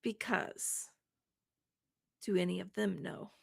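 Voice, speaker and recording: Gravelly-voiced woman game master. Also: medium pitch. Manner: brief, measured replies in character. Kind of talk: narrating a tabletop game.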